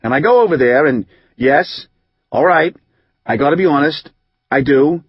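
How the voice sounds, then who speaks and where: A man reading an audiobook, voicing a rough, hot-tempered recovering drinker who rambles in profane street slang. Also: a little high, normal speed, dry recording, lo-fi sound. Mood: aggrieved. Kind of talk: audiobook narration.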